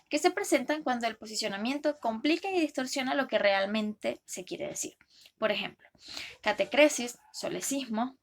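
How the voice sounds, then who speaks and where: A young woman, a first-semester university student, reading a class presentation in a careful, steady way. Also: fairly high pitch, creaky. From Venezuela. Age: young adult.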